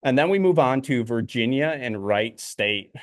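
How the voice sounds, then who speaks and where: A man's voice: mid-range voice, expressive, moderate pace, no echo, clean studio sound. A man co-hosting a podcast, rambling casually with many ums and uhs. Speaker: podcast co-host. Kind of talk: casual chat.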